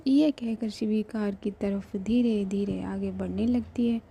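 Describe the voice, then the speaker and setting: Whispery gravelly young woman storyteller. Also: medium pitch, steady tone, unhurried, slight background noise. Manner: hushed and intimate, chatty asides to viewers.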